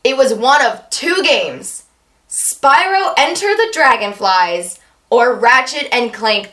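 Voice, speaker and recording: Bright young woman with a tired voice. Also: fairly high pitch. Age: young adult. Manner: rambling, self-deprecating, quick asides. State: tired, strained voice. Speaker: vlogger. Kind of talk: casual chat to camera.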